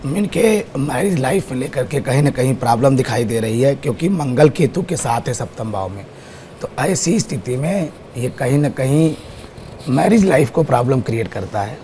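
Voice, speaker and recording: Appearing as an astrologer guest in a TV studio, a man explains astrology while steadily listing times and dates. His warm, expressive voice is medium in pitch and moderate in pace, strained by a sore throat. A little background noise can be heard.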